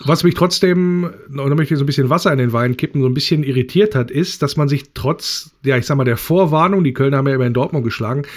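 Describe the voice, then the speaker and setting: A man hosting a football podcast in a conversational, moderating style. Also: on the high side. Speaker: podcast host.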